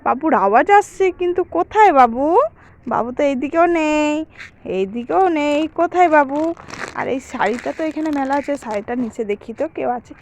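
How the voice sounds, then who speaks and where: A woman's voice: high voice, lively intonation, fairly quick, a little hiss or hum. A woman vlogger in a playful home skit, teasing and coaxing a child.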